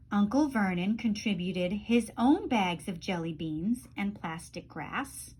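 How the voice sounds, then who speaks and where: Her medium-pitched voice carries a children's story with lively expression, each phrase settling softly at its close. The recording itself is low quality.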